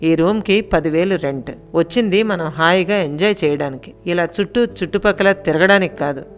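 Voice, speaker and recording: A woman voicing a self-assured, insistent young husband in a Telugu audio story, speaking in a steady, matter-of-fact way. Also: lowish voice, a little fast, slight background noise, natural voice.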